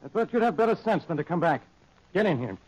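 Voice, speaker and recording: Blustering, excitable police inspector. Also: male voice, a little high, fast. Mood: accusing. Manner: blustering, peremptory. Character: gruff, accusing male police inspector, impatient and stubborn. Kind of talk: 1940s radio acting. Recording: muffled vintage 1940s radio recording.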